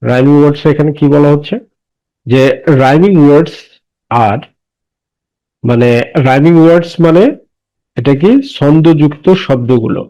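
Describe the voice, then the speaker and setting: A man teaching a class. He asks questions and answers them himself, and reads English sentences slowly and deliberately. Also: mid-range voice, dark tone. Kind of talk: classroom lesson explaining English words in Bengali. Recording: dull lo-fi recording.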